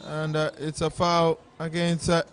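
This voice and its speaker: A man commentating live on a football match, shouting a long, drawn-out, excited goal yell. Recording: outdoor pitch with faint crowd noise. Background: faint crowd outdoors.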